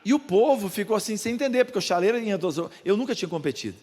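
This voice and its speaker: An older Brazilian pastor with a high voice preaches and tells a personal story, acting out the other people's voices along the way. His accent is Brazilian Portuguese. The sound rings with the long reverb of a church hall. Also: expressive, quick pace, a little mellow. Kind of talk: sermon.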